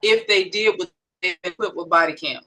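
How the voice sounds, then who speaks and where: A woman's voice: lowish voice, a little fast, bright, forceful tone, low-quality recording. A woman prosecutor questioning a witness in court, methodical and step by step. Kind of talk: courtroom direct examination.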